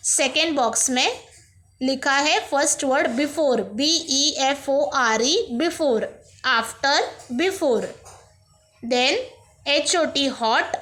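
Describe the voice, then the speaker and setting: A woman's voice: sits high, fairly bright tone. A woman teacher with an Indian accent, giving an English lesson to young pupils, spelling words letter by letter and explaining in Hindi mixed with English. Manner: reads the poem very slowly, then explains quickly in Hindi mixed with English. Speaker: school teacher.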